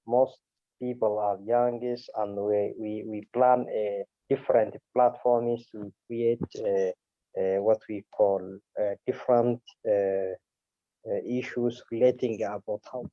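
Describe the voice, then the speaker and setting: A man giving halting, formal remarks over a video call while his bad connection breaks up. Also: on the low side, steady tone, no room sound. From Ethiopia. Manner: halting, formal, with many hesitations. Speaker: summit participant. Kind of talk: formal remarks on an online panel. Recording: dull, dry, lo-fi call audio.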